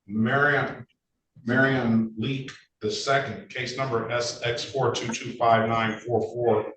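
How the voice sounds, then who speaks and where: A man's voice: mid-range voice, little pitch movement, takes it slowly, a bit bright. A male judge presiding over a court hearing, talking in a procedural way with frequent uh and um fillers, heard on a courtroom recording. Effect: courtroom recording from a distant room mic. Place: courtroom or judge's meeting room, indoors. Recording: echoey room, distant mic, faint noise.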